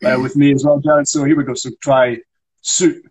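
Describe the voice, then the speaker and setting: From Scotland, a young actor chats casually on a live stream, teaching his accent by breaking down pronunciation step by step with encouragement. He speaks in a flat, husky, mid-range voice with a darkish tone at a moderate pace, and the phone or webcam recording is rough.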